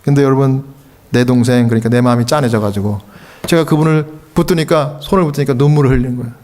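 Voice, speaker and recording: A middle-aged man from Korea, a pastor preaching at a revival meeting, telling a story and acting out the voices in it, often rising to shouts. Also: fast talker. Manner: acts out quoted voices, shouting the high parts. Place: church sanctuary.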